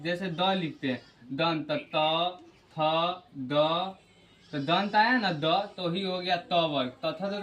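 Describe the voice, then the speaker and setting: A man's voice: high voice, a bit bright. A man teaches a grammar lesson, repeating key words and explaining with everyday memory tricks.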